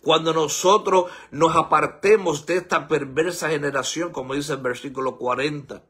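Older man, pastor, sermon, husky voice, fairly high pitch, emphatic exhortation. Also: normal speed, pushed and bright. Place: church sanctuary.

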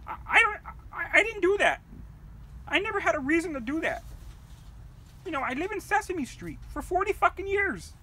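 Comedic vlog rant: a woman as a cursing, rambling puppet-world mother, shrill and sharp. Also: sing-song, moderate pace, a little hiss or hum, exaggerated voice. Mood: chatty. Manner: profane, shouting, rambling. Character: foul-mouthed furious puppet-world mother.

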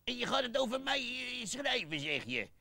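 A man's voice: very high-pitched, big pitch swings, moderate pace, bright, forceful tone, no echo, exaggerated voice. A man voicing a grumpy old grandmother sock puppet in a children's puppet show, irritable and always calling things ridiculous. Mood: grumbling.

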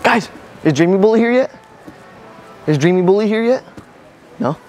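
A young American man hosts a prank video in a large indoor supermarket, bantering casually with slang and profanity as he pranks people in public. His voice sits high with lively intonation, a moderate pace, and a darkish tone, recorded on a camera microphone amid noisy store ambience.

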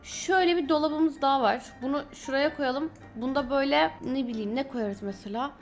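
A woman's voice: sits high, moderate pace. A woman gaming YouTuber giving chatty, casual commentary to her viewers while she plays. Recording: background music under voice.

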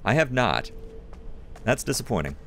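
A man's voice: medium pitch, very animated, moderate pace, creaky, fairly bright tone, a little hiss or hum. A man hosting a let's play video, giving a chatty running commentary with self-mocking asides. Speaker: gaming video host. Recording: commentary over game audio with music.

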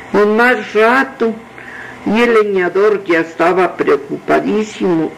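A man telling a children's folk tale in a gentle, unhurried way. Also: high-pitched, gravelly, slight background noise, rough recording. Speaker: storyteller.

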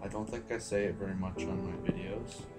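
A tired young man with a lowish voice talks through a game in a loose, rambling, self-mocking way, swearing casually as he goes. Loud music plays underneath his commentary throughout. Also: fairly even intonation, fairly quick. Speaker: gaming channel host. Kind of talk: casual let's-play commentary.

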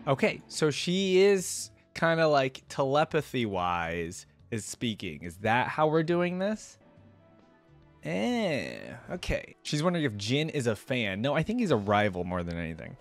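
Reacting to game voice lines for viewers, the twenty-something host thinks aloud and tosses questions their way in a casual manner. His medium-pitched voice is very animated though his pace is measured. Faint music plays behind the desk mic held close to his mouth at his indoor home setup.

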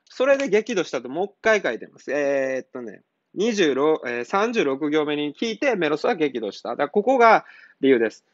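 A man's voice: a little high, big pitch swings, a little fast, dry recording. A man, a cram school teacher going through answers to a literature exercise in a casual, blunt way with teasing asides. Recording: dull lo-fi sound.

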